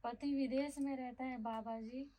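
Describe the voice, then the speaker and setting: A woman's voice: sits high, fairly even intonation, a little slow, warm tone. A woman playing an anxious young wife who pleads in distress. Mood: worried. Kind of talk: comic sketch acting.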